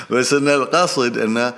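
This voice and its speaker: A man with a Gulf Arabic accent giving casual, earnest advice straight to the listener, repeating points and pausing on fillers. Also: fairly low pitch, a bit bright. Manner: earnest and repetitive, addresses listener directly; frequent hesitations and fillers. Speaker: speaker giving marriage advice.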